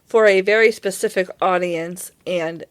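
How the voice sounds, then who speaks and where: A woman's voice: on the low side, steady tone, measured pace, clean tone. A woman co-hosting a podcast in casual chat, answering with sarcastic, exasperated quips. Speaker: podcast co-host.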